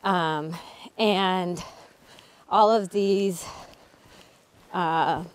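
Her voice is on the low side, with fairly even intonation and drawn-out words. The speaker is a middle-aged author and channel host giving a casual history talk as she walks a cold hillside, frequently saying um.

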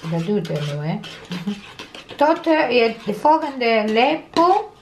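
A woman's voice: a little high, very animated, slow pace, a little hiss or hum. An older woman giving patient, step-by-step cooking directions at a table in her home kitchen. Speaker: mother-in-law showing a family recipe. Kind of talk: casual cooking instructions. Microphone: camera on the table a few feet away. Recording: roomy kitchen, distant camera mic, clattering dishes.

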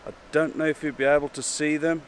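A man, talking casually and a little hesitantly to camera as a wildlife vlogger, outdoors beside rushing water. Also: fairly high pitch, little pitch movement. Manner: informal, hesitant and chatty. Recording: outdoor wind, rushing water and traffic noise.

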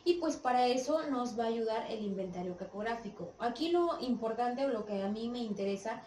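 A woman's voice: a little high, animated, fairly quick, a little mellow, a little hiss or hum. A woman teacher with a Mexican Spanish accent giving a classroom lesson, checking often that the students follow. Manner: checks understanding with frequent "¿sí?" and "¿sale?". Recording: echoey room from a distance with faint background.

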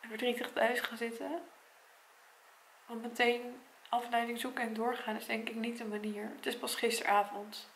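Tearful, gravelly Dutch woman vlogging. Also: fairly high pitch, little pitch movement, moderate pace, a bit bright, echoey room, slight background noise. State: tearful, congested from crying. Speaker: vlogger and primary school teacher. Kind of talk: personal vlog talk to camera. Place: at her parents' home, indoors. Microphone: camera mic.

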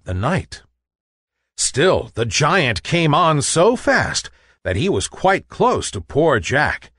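A man reads a storybook tale at a slow, careful pace for learners. His pitch rises and falls widely as he tells it. The close mic sounds dry, with no room behind him. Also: a bit bright, no room sound.

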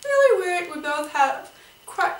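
Young woman vlogger chatting, really high voice, echoey room, bit far from mic. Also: sing-song, a little slow. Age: 20s. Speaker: vlog host. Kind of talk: casual chat to camera. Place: small bedroom, indoors. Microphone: camera a couple of metres away. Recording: roomy, distant camera mic, faint noise.

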